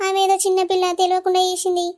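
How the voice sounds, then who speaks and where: A woman voicing a gentle young village wife in a cartoon, pleading for calm with a Telangana Telugu accent. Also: very high voice, rapid-fire, background noise. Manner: soothing, pleading.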